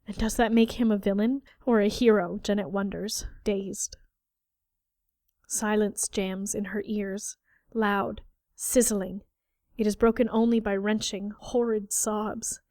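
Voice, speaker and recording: A woman narrating an audiobook fairy tale in a measured, dramatic storytelling style. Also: medium pitch, steady tone, dark tone, no echo, studio quality. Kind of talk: scripted narration.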